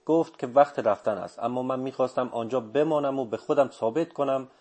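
A man reading a first-person story aloud in a steady, measured narration. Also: mid-range voice, breathy edge. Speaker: audiobook narrator. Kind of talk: scripted literary narration. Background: faint music.

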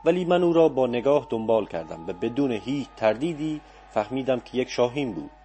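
A man reading a literary story aloud as an audiobook narrator, in a calm, reflective manner. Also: mid-range voice. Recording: faint background music.

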